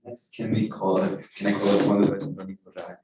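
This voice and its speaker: A man's voice: on the low side, flat delivery, a little fast. A man moderating a student election hustings, apologetic and a little flustered. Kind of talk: chairing a hustings. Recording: echoey room from far off, background noise.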